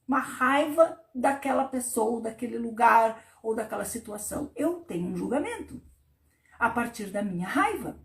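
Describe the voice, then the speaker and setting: A woman therapist, hosting a relaxed spiritual talk on a live stream. Her voice sits high, and she talks with lively swings, dropping to a low murmur when she plays out her own inner thoughts. The sound has a noticeable echo from the room.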